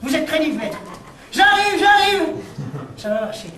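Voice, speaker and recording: A man playing a high-voiced fawning servant. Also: normal speed. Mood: eager, reassuring. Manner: obsequious, excitable. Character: fawning, scheming male servant eager to reassure his master. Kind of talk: theatrical stage comedy. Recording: distant, echoey, noisy stage recording.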